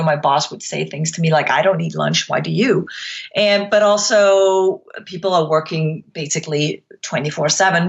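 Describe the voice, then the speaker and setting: A woman's voice: lowish voice, muffled recording. A woman from Denmark speaking as a podcast guest, telling her story reflectively with frequent hesitations. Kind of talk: interview conversation.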